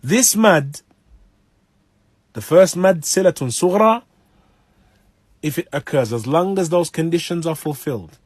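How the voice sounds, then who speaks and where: A man teaching the rules of Quranic recitation, explaining patiently and slowly reciting short Arabic phrases as examples. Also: fairly high pitch, animated, no room sound.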